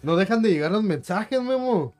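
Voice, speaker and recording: A man co-hosting, chiming in with quick jokes in casual chat. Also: high voice, animated, darkish tone, soft background music. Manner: quick interjections, joking.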